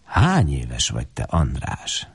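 A gruff, stout peasant woman, as a male narrator puts her on, low and scolding as she orders people about. Her husky voice swings lively between growls and sharp barks. A read-aloud story voice. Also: heavily acted. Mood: teasing, commanding. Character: stern, greedy, stout older peasant woman.

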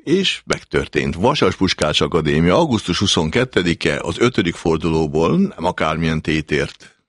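Deep-voiced male sports radio presenter. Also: sing-song, dry recording, clean studio sound. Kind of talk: scripted narration of football season recap.

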